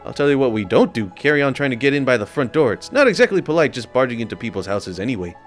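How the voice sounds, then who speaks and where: A man's voice: mid-range voice, big pitch swings, faint music behind, close to an everyday voice. A man voicing a cocky little male fairy sidekick, bossy and blustery as he reads game dialogue aloud. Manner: bossy, blustery, quick to scold.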